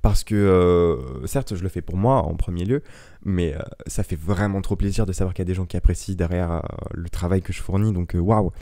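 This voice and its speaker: Low, mellow-voiced young man rambling. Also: fairly quick, dry recording, studio quality. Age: young adult. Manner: rambling, digressive, self-mocking. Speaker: podcast host. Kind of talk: casual solo podcast chat. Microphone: ten-year-old microphone.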